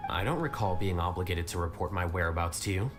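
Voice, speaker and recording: Man acting a low-voiced aloof scholar. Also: fast, natural voice. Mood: dry, aloof. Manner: dry, formal, detached. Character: aloof, coolly sardonic male scholar. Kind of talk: video game voice acting. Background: game music.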